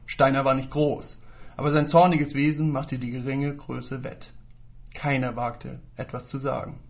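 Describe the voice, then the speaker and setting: A man narrating a story in measured storytelling style. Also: mid-range voice, flat delivery, vocal fry. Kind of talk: scripted narration. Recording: dull lo-fi recording.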